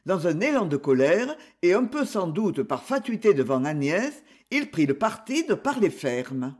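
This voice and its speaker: A man reading a classic novel aloud in a measured, expressive storybook narration. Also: high-pitched. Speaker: audiobook reader. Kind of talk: literary narration.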